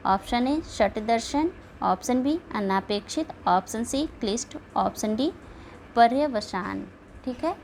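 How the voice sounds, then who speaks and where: A woman's voice: fairly high pitch, unhurried, a little hiss or hum, rough recording. A woman teaching an exam-prep spelling lesson, reading out the answer options one by one and checking in with her students after each point. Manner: steady, checks in with repeated "ठीक है".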